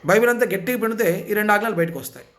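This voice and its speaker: A man's voice: sits high, very fast, a bit bright. A man preaching a sermon with insistent, repetitive rhetorical questions. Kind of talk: impassioned sermon.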